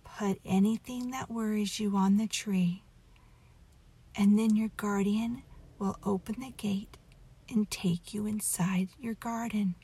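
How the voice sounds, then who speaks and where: Slow, breathy, half-whispering woman, close and intimate. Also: medium pitch, fairly even intonation. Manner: gentle, drawn-out delivery. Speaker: guided meditation host. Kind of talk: guided meditation storytelling for relaxation.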